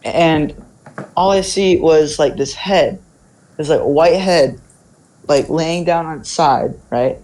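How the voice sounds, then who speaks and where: A man's voice: on the high side, slow pace, darkish tone, low-quality recording. A young man casually telling stories in informal speech, often checking in with "right?" and "like". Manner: informal, peppers talk with "right?" and "like". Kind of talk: casual spoken storytelling.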